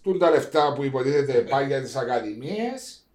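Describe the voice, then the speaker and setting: A man's voice: mid-range voice, animated, darkish tone. A man in his fifties with a Greek Cypriot accent, chatting casually and emphatically about sport. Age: 50s.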